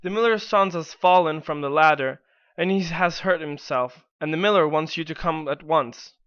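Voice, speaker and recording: Man as clear-voiced, meek Little Hans. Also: on the high side, normal speed, fairly bright tone, no room sound, close to an everyday voice. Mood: earnest, urgent. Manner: meek, earnest, obliging. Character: humble, eager-to-please little man, naively devoted friend. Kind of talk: scripted storybook dialogue. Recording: dry, dull band-limited audio.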